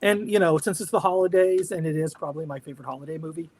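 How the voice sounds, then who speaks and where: A man co-hosting a podcast, chatting casually with a hesitant, halting way of talking. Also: fairly high pitch, a little mellow, dry recording. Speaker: podcast co-host. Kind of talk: casual chat.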